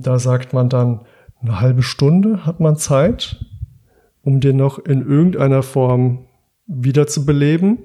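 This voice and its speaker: A man's voice: mid-range voice, warm tone. A man explaining medical points in a casual discussion, checking facts with his partner. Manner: explanatory, asks the other for confirmation. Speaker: medical podcast co-host.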